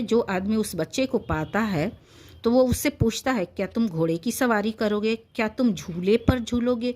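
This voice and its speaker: A woman teaching a lesson to students. She reads each English line slowly, then explains it line by line. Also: fairly high pitch.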